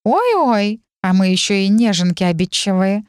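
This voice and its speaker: A woman's voice: mid-range voice, very animated, normal speed, smooth, no room sound, clean studio sound, natural voice. A woman voicing a sly, sarcastic male cat familiar who talks in a purring, mocking way.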